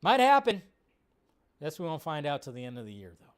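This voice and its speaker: Chatting casually with viewers, this male livestream host reads out and answers their questions in a loose, off-the-cuff way, rambling and repeating phrases. His voice is a little high, with huge pitch swings and a brisk pace.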